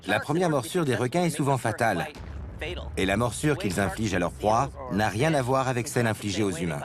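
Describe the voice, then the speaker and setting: A man's voice: on the low side, lively intonation, brisk, crowd noise. A man explaining as an expert interviewee in a documentary.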